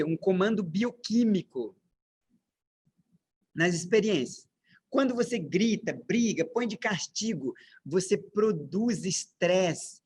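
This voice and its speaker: High-voiced Brazilian man lecturing emphatically. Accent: Brazilian Portuguese. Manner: emphatic teacher with many rhetorical questions. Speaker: parenting speaker. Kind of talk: lecture on emotional parenting. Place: lecture room with slides.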